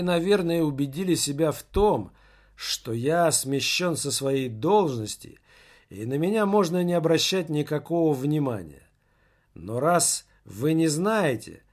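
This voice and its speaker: A man reading an audiobook, voicing a manipulative company boss who speaks with calm foreboding. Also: fairly high pitch, heavily acted. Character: ominous corporate boss, manipulative and assured.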